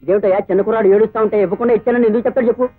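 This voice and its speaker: A man's voice: high-pitched, fairly even intonation, racing. An actor playing a fair-minded hotel customer who coaxes the cashier to side with a boy. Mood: persuading. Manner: coaxing and persuasive. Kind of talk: 1980s film drama. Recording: tinny lo-fi film soundtrack.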